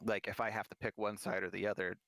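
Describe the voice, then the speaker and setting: Low-voiced man chatting with a laugh. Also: fast talker, gravelly, no room sound. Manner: relaxed, laughing, hedging. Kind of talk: casual chat.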